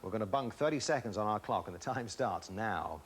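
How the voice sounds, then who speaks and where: Animated male game show host, chatty and teasing. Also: on the low side, brisk, husky. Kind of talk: bantering game show presenting. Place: television studio.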